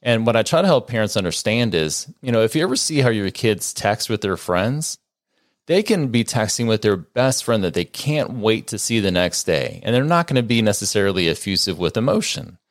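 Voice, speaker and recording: A man in his forties, co-hosting a parenting podcast in a relaxed, conversational way with joking asides. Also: on the low side, fairly quick, no echo, studio quality. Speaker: podcast co-host and co-parenting educator. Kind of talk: casual podcast chat.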